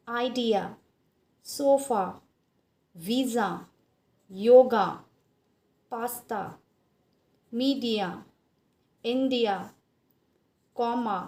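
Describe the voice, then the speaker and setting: Slow, patient Indian woman teacher. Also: fairly high pitch, a little mellow. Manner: slow, patient explaining, spelling out letters. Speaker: English teacher. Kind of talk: phonics lesson for students.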